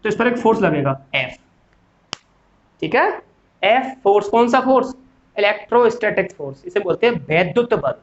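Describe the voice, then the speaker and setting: A man's voice: high voice, expressive, moderate pace, pauses often. A male physics teacher lecturing in speech, asking questions and answering them himself. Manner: asks and answers his own questions, calls students "beta". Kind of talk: classroom lecture. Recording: dull lo-fi sound.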